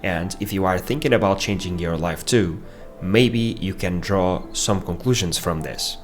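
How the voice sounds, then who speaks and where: Deep-voiced Portuguese man narrating. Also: unhurried, soft background music. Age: 30s. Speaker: vlogger. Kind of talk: scripted narration.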